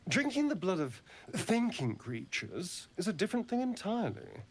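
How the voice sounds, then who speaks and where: An actor voicing a centuries-old vampire elf from a video game, who talks in a silky, theatrical way. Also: male voice, high-pitched, wildly swooping pitch, normal speed, heavily acted.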